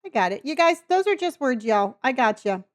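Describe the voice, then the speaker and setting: A woman's voice: high voice, very animated, a little fast. A woman live streamer chatting casually with her viewers while gaming, with a speech impediment on her R sounds. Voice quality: speech impediment, cannot pronounce R's. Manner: chatty, addresses viewers as honey.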